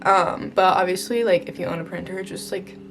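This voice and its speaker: With music running underneath, this young American woman talks in a gushing valley girl style, scattering filler words like "like" and "totally cute" through her vlog chat. Her voice is lowish and fairly even, fairly quick, and slightly bright.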